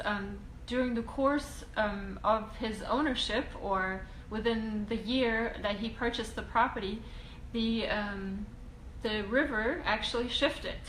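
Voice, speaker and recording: A woman from Russia, a real estate investing educator, answering viewer questions in a casual Q&A video, halting with frequent ums and restarts. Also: mid-range voice, fairly bright tone. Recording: echoey room, faint ambient hiss.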